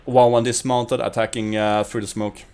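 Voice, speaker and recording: A man's voice: mid-range voice, little pitch movement, moderate pace, a little mellow, smooth. A man playing a military simulation game, giving terse, broken tactical commands as a section leader. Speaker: player leading a tank section.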